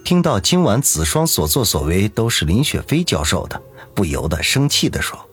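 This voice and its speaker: A man narrating an audiobook in a lively, dramatic storytelling manner. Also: lowish voice, normal speed, faint music behind.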